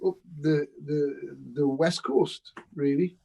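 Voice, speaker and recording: A man's voice: fairly high pitch, fairly even intonation, takes it slowly, vocal fry, warm tone, poor audio. A man being interviewed, telling rambling anecdotes about his music days with laughs and quotes. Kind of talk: casual storytelling interview.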